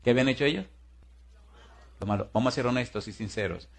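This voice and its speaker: A man preaching a sermon as pastor, firing rhetorical questions at the congregation in a folksy, teasing way. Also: fast. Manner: swings between booming and hushed.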